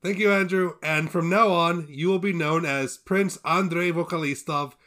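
This podcast co-host, a young man in his twenties, has a slightly high, fairly bright voice with a steady tone and normal speed. His casual chat is jokey, marked by playful pomp in mock titles.

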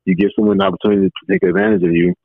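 Man, muffled phone caller, low voice, laid-back and reassuring, narrow tinny line. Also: very animated, very fast, gravelly, no echo. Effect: muffled, bass-heavy phone line. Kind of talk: casual podcast chat.

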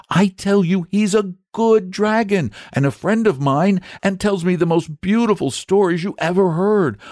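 A man's voice: darkish tone, dry recording, studio quality, lightly acted. A man doing an anxious, pleading young boy. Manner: pleading and high-pitched.

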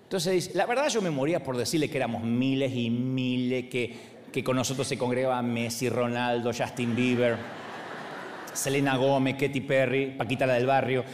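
A man's voice: mid-range voice, normal speed, slight background noise. A man in his forties with an Argentine accent, a pastor preaching a humorous sermon and acting out the voices in his stories. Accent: Argentine Spanish. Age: 40s. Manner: animated, acts out other voices, laughs along.

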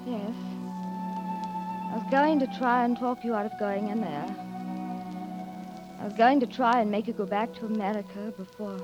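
An actress in a 1940s radio drama playing a torn but resolute young woman whose father was a spy, speaking in an earnest, hushed way. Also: mid-range voice, moderate pace, pauses often, natural voice. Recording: dull old radio broadcast with music behind.

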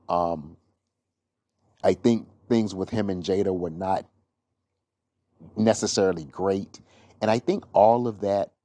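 A man's voice: low-pitched, warm tone, no room sound. A man hosting his own gossip podcast, talking through celebrity news in an opinionated, rambling way with many fillers and restarts. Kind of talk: casual solo commentary.

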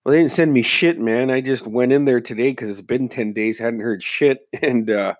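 A man's voice: medium pitch, normal speed. A man hosting a casual solo podcast, congested and muffled from being sick, rambling along in a laid-back way with plenty of swearing. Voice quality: muffled, congested, stuffy-nosed. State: under the weather with a stuffy nose and slight cough. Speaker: podcast host.

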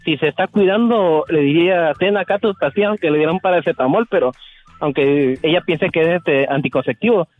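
A man banters on a radio show as co-host, his voice a little high for a man. He jokes, tells loose stories and gives blunt opinions. Music plays faintly underneath. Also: brisk, narrow, tinny audio. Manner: joking, blunt, loose storytelling.

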